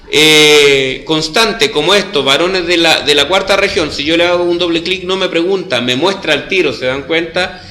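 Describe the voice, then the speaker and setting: Bright-voiced Chilean teacher in echoey classroom. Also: male voice, fairly high pitch. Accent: Chilean Spanish. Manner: explains step by step, checks understanding with the class. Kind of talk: classroom lesson.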